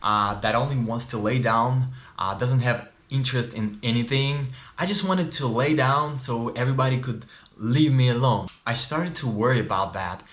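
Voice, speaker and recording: A vlogger in his thirties, whose English carries a Russian and Ukrainian accent, chats candidly to the camera about his life, using plenty of fillers. He has a mid-range, slightly bright voice at normal speed, and the room gives the recording an echo.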